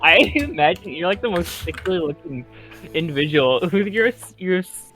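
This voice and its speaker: A man acting as game master, explaining rules in a relaxed, rambling way and laughing often. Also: on the high side, normal speed, soft background music. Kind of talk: running a tabletop game.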